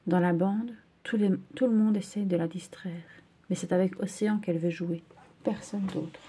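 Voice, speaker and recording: Gentle expressive story reader, woman, mellow tone. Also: mid-range voice, husky. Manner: gentle, expressive read-aloud. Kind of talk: children's story reading.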